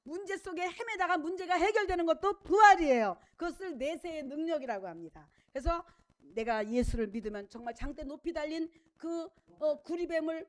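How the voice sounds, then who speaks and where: A middle-aged woman pastor delivering a church sermon in an emphatic, conversational way and weaving in personal stories. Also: sits high. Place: church service.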